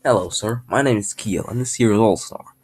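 A man's voice: lowish voice, a little fast, a little mellow, slightly rough. A man voicing a polite, earnest young man who wants to become a clown, in a storybook reading.

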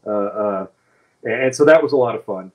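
A man chatting as a guest author on a livestream, animated and quick to laugh, often restarting his sentences. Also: fairly low pitch, highs cut off. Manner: animated, chuckling, many restarts. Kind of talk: casual livestream chat.

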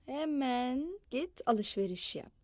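In this animated, dubbed children's narration, a woman voices a cheerful storyteller on a kids' show. Her voice sits high and expressive, and she speaks slowly, coaxing the children in a playful sing-song and mooing at them.

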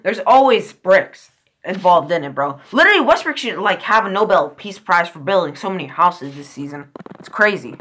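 A woman hosts a casual reaction video, talking in an excitable, slang-heavy way with frequent swearing. Her voice is bright and forceful. Her pitch jumps around in a lively way. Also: normal speed. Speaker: reaction channel host.

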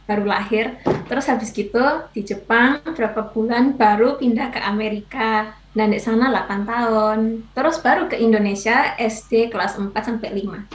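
A woman's voice: on the high side, fairly quick, a little hiss or hum. A young woman in her twenties, a guest on a casual video call, bashful and giggly, mixing languages as she talks. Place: home room with bookshelves, indoors. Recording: echoey room.

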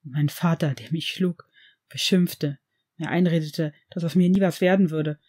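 A woman's voice: deep voice, fairly even intonation, normal speed, mellow. A woman reading the part of a stern male potions master, desperate and guilt-ridden, pleading in an audiobook of fan fiction. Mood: anguished. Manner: pleading, raised in anguish.

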